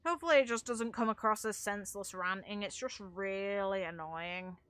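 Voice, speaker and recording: A gaming video creator and streamer speaks at a moderate pace in a mid-range voice that's a bit bright and clean, with no room sound. Her game commentary is casual and opinionated, blunt and informal, sprinkled with mild swearing.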